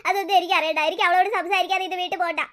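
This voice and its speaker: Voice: extremely high pitch, fast talker, pushed and bright. A performer voicing a heartbroken, stubborn young man who sobs and insists on seeing his girlfriend. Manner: sobbing, pleading, insistent.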